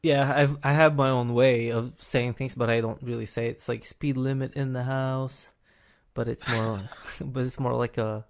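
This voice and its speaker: A man's voice: mid-range voice, level tone, normal speed, vocal fry, hardly any pauses. A man hosting a casual podcast chat, talking hesitantly with frequent fillers and restarts and chuckling as he talks. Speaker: podcast host.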